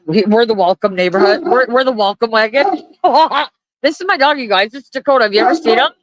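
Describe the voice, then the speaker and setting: Talking fairly quickly in a slightly high voice, a woman chats and rants with viewers on a phone live stream, the phone held close. Her casual talk is blunt and full of swearing, she laughs often and speaks to chat and her dog, and the audio is muffled with no echo.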